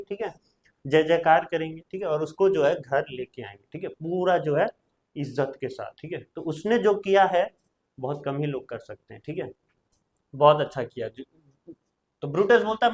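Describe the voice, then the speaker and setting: A young man tutors students through a play in Hindi. His voice sits a little high, and he keeps tacking "theek hai" onto his phrases. When he reads the English lines, he slows down and stresses each word. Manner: says "theek hai" constantly. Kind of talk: explaining a play line by line in Hindi.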